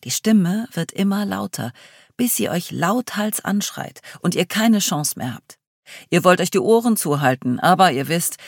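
A reader playing a calm, guiding man. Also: medium pitch, gravelly, dry recording, clean studio sound. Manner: slow, guiding, evocative. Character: calm group guide Paul, a thoughtful man. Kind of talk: audiobook reading.

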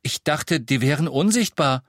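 A man's voice: fairly high pitch, lively intonation, moderate pace, fairly bright tone, no room sound, pitched above the performer's own voice. Man doing anxious young boy, whispered, timid, dry close reading.

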